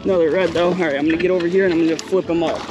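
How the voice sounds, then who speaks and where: A young man in his twenties giving chatty, excited running commentary while fishing from a small boat, recorded on a body-worn action camera. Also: a little high, rapid-fire, noisy background. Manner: excited, chatty, calls viewers "guys" and "bro". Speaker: fishing vlogger host. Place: outdoors on a small boat on a bay. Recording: music playing underneath.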